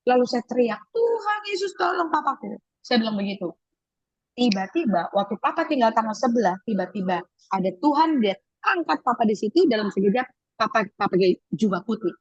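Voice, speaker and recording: A middle-aged woman, appearing as an interview guest, shares her personal faith testimony with animation, acting out the voices of the people she quotes. Her voice is fairly high, brisk and husky. There's no echo, but the recording sounds dull and lo-fi.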